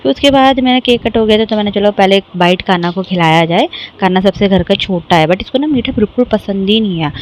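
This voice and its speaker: A young woman with a mid-range voice narrates her own family vlog as a casual, chatty voice-over, poking fun at herself as the story unfolds. She's a vlogger and mother, telling it in an animated way. The recording is low quality, with a little hiss or hum.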